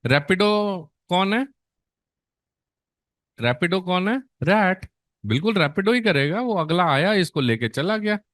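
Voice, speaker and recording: In a dry, studio-quality recording, a middle-aged man with a high, very animated, somewhat bright voice runs a nursing exam class at a measured pace with long pauses. Switching between Hindi and English, he coaxingly quizzes students, calls them beta, and answers his own questions.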